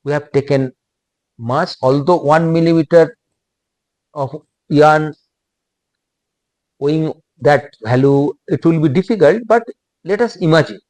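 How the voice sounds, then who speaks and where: Male lecturer with an Indian English accent, slow and halting, slightly high voice, dry close sound. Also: darkish tone, no echo. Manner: slow, halting, repeats phrases.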